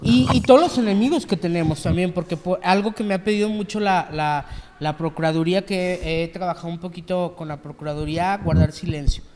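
A man's voice: sits high, brisk, darkish tone. A man, a medium speaking earnestly as a talk-show guest and repeating phrases for emphasis. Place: studio set. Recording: long hall reverb, faint noise.

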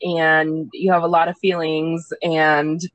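A woman's voice: sits low, level tone, takes it slowly, fairly bright tone, dry recording, rough recording. A young woman from Southern California co-hosting a podcast, talking in a loose, rambling way full of "um" and "like.". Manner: loose, rambling, filler-heavy with frequent 'um' and 'like'. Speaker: podcast co-host. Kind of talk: casual chat.

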